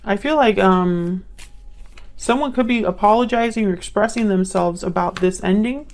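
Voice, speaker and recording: A woman's voice: medium pitch, moderate pace, a little mellow. A young woman reading tarot cards casually, musing aloud as she pulls cards. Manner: musing, thinks aloud while pulling cards. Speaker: tarot reader.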